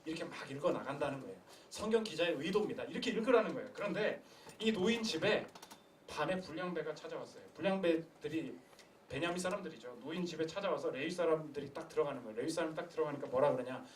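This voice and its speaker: Animated young male preacher, echoey church. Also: on the high side, fast talker, a little hiss or hum. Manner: animated storytelling with acted quotes and rhetorical questions. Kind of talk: sermon. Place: church sanctuary. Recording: echoey room from a distance.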